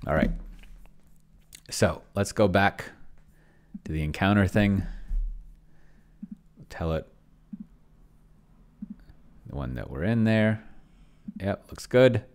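A middle-aged man with a deep, expressive voice speaks slowly, leaving long pauses, as he comments casually on his live stream. A streamer and solo role-player, he thinks aloud and mutters in fragments while typing on a computer keyboard in a small room at home.

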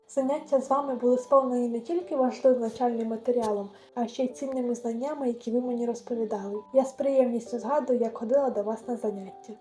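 A young woman in her late teens talks through study advice with an earnest, gentle manner. Her voice sits on the higher side. The room rings noticeably, and clear background music plays under her speech. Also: echoey room. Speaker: vlogger. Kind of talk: advice vlog narration.

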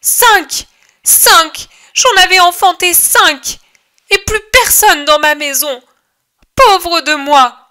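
A woman's voice: extremely high pitch, slow pace, sharp tone, voice pushed up, heavily acted. A woman reader voicing a grieving mother who cries out in despair over her lost children, in a shrieking, sobbing outcry for an audiobook. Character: grieving bereaved young mother, wailing in despair.

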